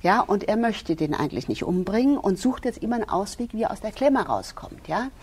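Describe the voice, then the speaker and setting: A woman's voice: medium pitch, animated, brisk, darkish tone, breathy edge. A woman speaking earnestly about faith in an interview, emphatic, retelling scripture and checking in with "ja?". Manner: emphatic, retells scripture with quoted voices, frequent "ja?". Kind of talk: earnest religious discussion.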